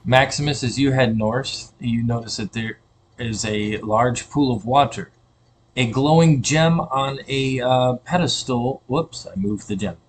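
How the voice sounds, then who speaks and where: A man's voice: mid-range voice, unhurried, a little hiss or hum. A man narrating an online tabletop game as dungeon master, describing scenes with fillers and self-corrections.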